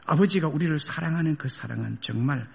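거칠고 약간 높은 목소리의 남자 목사 설교. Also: male voice, fairly high pitch, brisk, creaky, dull audio. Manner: emotive, dramatic swings from loud to hushed. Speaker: pastor. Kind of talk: sermon storytelling.

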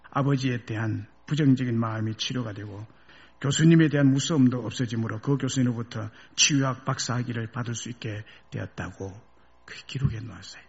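A male pastor preaching a sermon through a story, with emotional, dramatic swings between loud and hushed delivery. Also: mid-range voice, vocal fry, highs cut off.

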